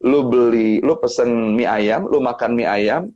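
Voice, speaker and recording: A man talking casually as a guest on a family live stream, telling animated stories and acting out other people's lines with big jumps in his voice. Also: medium pitch, measured pace, highs cut off. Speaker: guest speaker on family topics. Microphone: live-stream mic.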